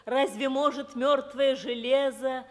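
A woman voicing a calm, proud river in an old Soviet radio play, telling the story slowly and solemnly. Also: sits high, big-room sound.

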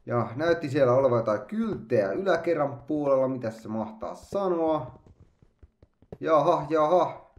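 A man giving playful, excitable let's-play commentary, chattering to himself and making silly sound effects as he plays. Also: on the high side, reverberant, lo-fi sound. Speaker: gaming YouTuber.

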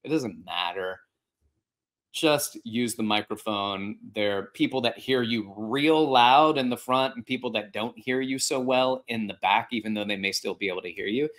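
A fitness instructor in his forties hosts a podcast from a home room with a couch and art, offering casual, practical instructional advice over a video-call style setup. His mid-range voice is animated, and he gestures lively and restarts often.

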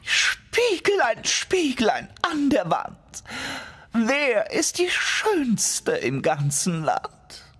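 Shrill, vain wicked queen. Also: huge pitch swings, pushed and bright, breathy edge, soft background music, exaggerated voice. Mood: vain, coaxing. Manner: theatrical, drawn-out delivery. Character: vain, wicked, commanding fairy-tale queen. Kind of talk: children's radio fairy-tale play.

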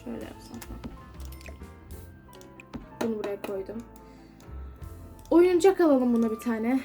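A woman's voice: fairly high pitch, lively intonation, measured pace, over music. A young woman giving casual gameplay commentary, chatty and exasperated, scolding the characters on screen. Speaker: gaming YouTuber.

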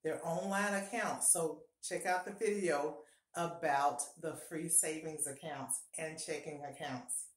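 A middle-aged woman with a low voice and a steady tone speaks in an unhurried way, giving encouraging, upbeat budgeting advice as a personal finance vlogger. She repeats her main points often in this casual home vlog. It's filmed indoors in a small bathroom by a close fixed camera, and the room echoes.

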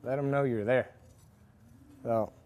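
Speaking slowly in a darkish, mid-range voice with fairly even intonation, a farrier instructor leads a casual demonstration at a forge workshop. His talk rambles, with many fillers and false starts.

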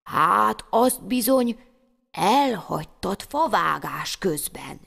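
A woman voicing a kindly, wise old woman in a storybook tale, speaking slowly in a hushed, half-whispered way. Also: mid-range voice, lively intonation, vocal fry, full character voice. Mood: gentle, knowing. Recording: long hall reverb.

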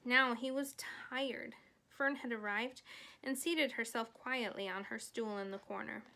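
A woman teacher reads a children's chapter book aloud to young kids. Her voice sits a bit high and sounds bright and forceful. She breaks off for casual, chatty explanations. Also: steady tone, measured pace, creaky.

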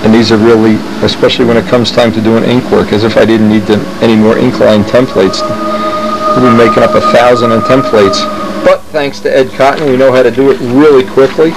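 A man's voice: mid-range voice, level tone, fairly quick, noisy background. A man casually narrating as he shows model aircraft plans to the camera, enthusiastic and thinking aloud. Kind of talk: casual show-and-tell narration.

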